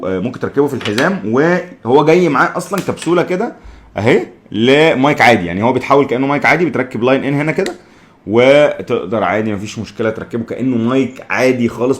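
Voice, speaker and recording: A man with an Egyptian accent doing a casual, chatty gear review, repeating himself and talking to the people filming him. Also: mid-range voice. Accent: Egyptian Arabic. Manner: chatty, repeats himself, talks to the camera crew. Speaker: tech vlogger.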